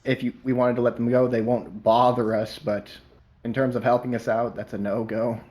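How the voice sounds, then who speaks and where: A man playing in a tabletop game, calm and a bit formal when in character. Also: medium pitch, normal speed. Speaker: player. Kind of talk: casual tabletop play.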